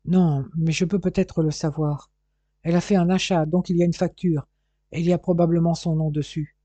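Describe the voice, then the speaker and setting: A man's voice: on the high side, little pitch movement, fairly quick, dark tone, no room sound, lightly acted. A man voicing a heartbroken, lovesick young man who pleads and despairs. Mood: pleading.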